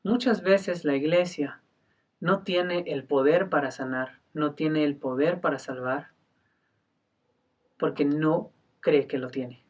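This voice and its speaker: A male pastor giving a sermon, emphatic, moving between loud and soft delivery and often clearing his throat. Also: fairly high pitch, slow pace, distant mic.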